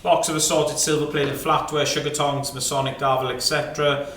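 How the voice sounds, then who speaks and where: British guy doing antiques auction patter, quick strings of bids, bit far from the mic in a roomy hall. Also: a little high, flat delivery, a bit bright, a little hiss or hum. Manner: fine art auctioneer patter, clipped numbers, repeated prompts. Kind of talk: live auction calling, reeling off rising bids. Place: indoor auction sale room. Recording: echoey sale room, distant microphone.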